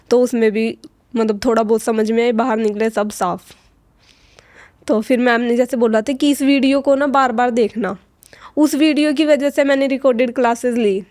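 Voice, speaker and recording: A woman's voice: high-pitched, a little mellow, no echo, studio quality. A young woman, a fashion design student, telling her story in a podcast interview, hesitant and full of fillers, her voice choked up as if near tears. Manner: hesitant, many fillers and restarts.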